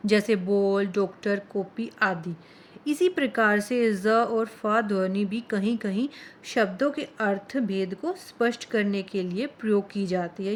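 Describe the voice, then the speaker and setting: A woman teacher giving a slow grammar lesson, reading out sounds one by one in a deliberate, explanatory way. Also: medium pitch.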